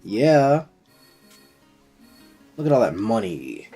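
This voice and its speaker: A young man streams a video game with sardonic, profane commentary. His pitch moves around a lot and his voice is a little husky, over faint game music. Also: big pitch swings, slow, dark tone. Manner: sardonic, exasperated griping. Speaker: gaming streamer.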